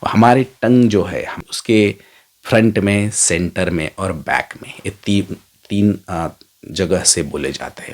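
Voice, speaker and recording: A middle-aged man teaching a phonetics lesson, drawing out each vowel sound slowly as he models it. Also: lowish voice, vocal fry. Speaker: English teacher.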